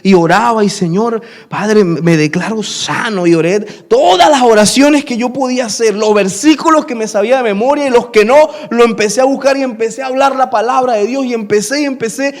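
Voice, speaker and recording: High-voiced pastor preaching. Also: male voice, brisk. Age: 30s. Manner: animated storyteller acting out dialogue. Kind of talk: sermon with personal storytelling.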